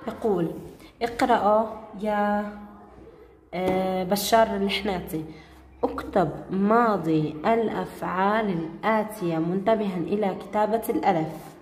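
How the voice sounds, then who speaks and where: A woman's voice: mid-range voice, a little hiss or hum. Woman teacher in an echoey classroom. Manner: questions pupils by name, repeats rules slowly. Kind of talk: classroom grammar lesson.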